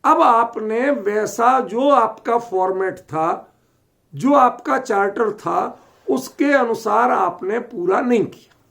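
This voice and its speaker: A man's voice: very high voice, slow, vocal fry, fairly bright tone. A man teaching a scripture lesson, often asking his listeners whether they follow the point. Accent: Delhi Hindi. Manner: questioning, keeps checking understanding.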